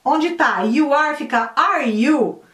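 Woman, high voice, teacher, chatty, slow drilled repetitions, roomy echo. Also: expressive, fairly bright tone. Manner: chatty, repeats drills slowly. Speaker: English teacher. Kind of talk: casual online lesson. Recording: echoey room, mic at a distance.

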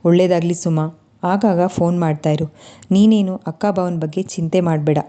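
A woman's voice: fairly low pitch, fairly even intonation, moderate pace, dark tone, natural voice. A woman voicing a reassuring caring aunt.

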